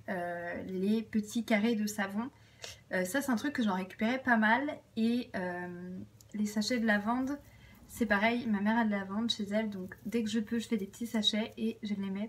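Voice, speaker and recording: Recorded on a distant mic, a woman with a mid-range voice chats casually to camera as a vlogger sharing household tips. She rambles, using lots of fillers and correcting herself.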